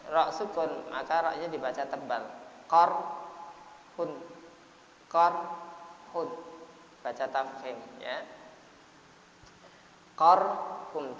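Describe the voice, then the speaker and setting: A man teaches Quran recitation in a slow, unhurried way, breaking his explanations into short phrases. He stretches words out at length to model them and clears his throat often. The recording is dull and lo-fi, with a long hall echo. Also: fairly high pitch, a bit bright. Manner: explains in short broken phrases, then drawls words slowly to demonstrate. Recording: echoey, hissy, dull lo-fi room recording.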